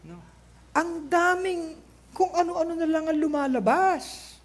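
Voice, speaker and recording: A male pastor with a Filipino accent preaching a sermon, animated and joking, mixing in English phrases, his voice lower than usual. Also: a little slow. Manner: animated, joking, switching between Tagalog and English. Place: church.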